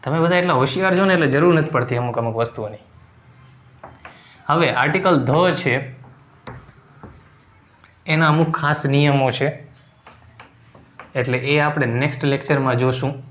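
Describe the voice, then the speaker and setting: A male teacher with a Gujarati accent giving a recorded lecture, often stopping to ask whether it is clear. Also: mid-range voice, a bit bright, slight background noise. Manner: keeps checking understanding with quick questions. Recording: echoey room.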